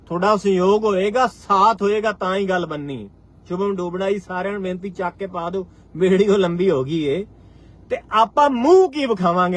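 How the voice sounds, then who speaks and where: A man in his forties with a Punjabi accent addresses his followers on a live stream. His voice sits noticeably high, and he talks with fiery conviction. He keeps returning to the same lines to drive each point home. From Punjab, India. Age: 40s. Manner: fiery, rhetorical, repeats phrases for emphasis. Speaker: farmers' union state leader.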